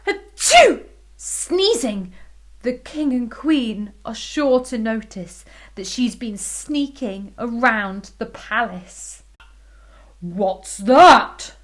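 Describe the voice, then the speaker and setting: A woman telling a story to small children, playful and expressive, dropping into whispers and sound effects. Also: a little high, slow pace. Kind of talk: storytelling for under-fives.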